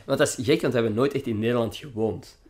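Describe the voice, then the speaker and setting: A man's voice: medium pitch, fast, darkish tone. A young Flemish man hosting a casual podcast chat, joking, laughing often and swearing casually. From Belgium. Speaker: podcast host.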